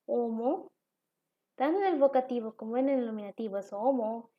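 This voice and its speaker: A woman's voice: a little high, animated, normal speed, lo-fi sound. A woman teacher giving a recorded online class, explaining step by step with examples.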